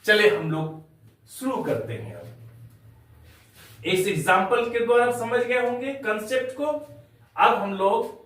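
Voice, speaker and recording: A man teaches a classroom grammar lesson in an emphatic, repetitive way, asking questions and answering them himself. His voice sits high and swings widely in pitch. He is heard from some distance in a strongly echoing room. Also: lively intonation, slow, long pauses, a bit bright. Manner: emphatic, repeats and asks rhetorical questions. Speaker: English teacher. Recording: very echoey room, from far off.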